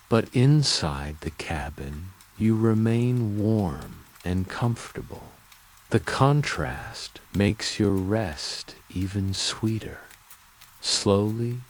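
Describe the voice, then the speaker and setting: A man narrating a bedtime sleep story in a calm, gentle, lulling and soothing way. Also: lowish voice, creaky.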